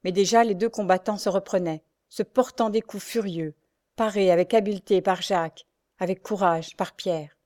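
A woman narrating a classic novel for an audiobook. Her reading is measured and expressive, and her voice sits at a middling pitch.

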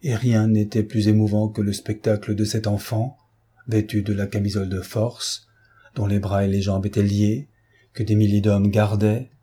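A man reading a novel aloud as an audiobook, in measured, grave narration. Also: fairly low pitch, level tone, warm tone, slightly rough. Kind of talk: scripted literary narration.

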